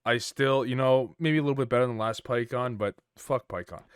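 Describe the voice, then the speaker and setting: A man's voice: mid-range voice, brisk, clear, resonant tone, no room sound, clean studio sound. A man hosting a casual podcast chat, talking in a loose, profane way. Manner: loose, profane, laughing easily. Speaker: podcast host.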